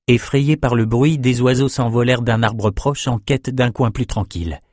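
A man reading a fantasy audiobook in a steady, even narrating voice. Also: mid-range voice, moderate pace, no echo, clean studio sound.

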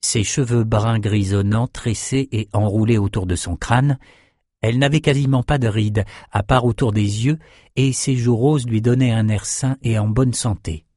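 Male audiobook narrator, steady middle pitch, dry close read. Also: normal speed, dry recording. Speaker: audiobook reader. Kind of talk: scripted narration.

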